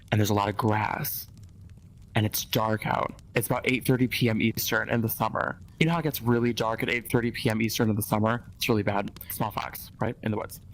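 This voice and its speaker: A man's voice: fairly low pitch, slight background noise, low-quality recording. A man hosting a comedy show, telling a silly story in a goofy, mock-dramatic way. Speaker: host. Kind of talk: joking storytelling.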